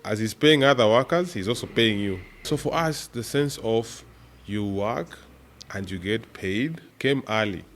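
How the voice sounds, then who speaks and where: Kenyan man, thirties, very low voice, lively storyteller, faint noise floor. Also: unhurried. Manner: animated storyteller who laughs while telling anecdotes. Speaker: podcast guest, startup executive. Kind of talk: relaxed storytelling interview.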